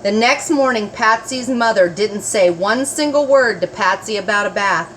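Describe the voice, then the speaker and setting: A woman's voice: medium pitch, a little hiss or hum, poor audio. An older woman with a grandmotherly manner reads a children's story aloud expressively, with asides to the little ones. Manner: grandmotherly, slow and expressive, addressing small children. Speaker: grandmother reading to her grandchildren.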